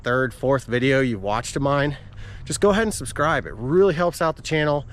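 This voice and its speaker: A man's voice: medium pitch, a little hiss or hum. A man talking casually to his viewers as a running vlogger while out on a walk outdoors. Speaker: running vlogger and channel host. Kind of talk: casual vlog talk to camera.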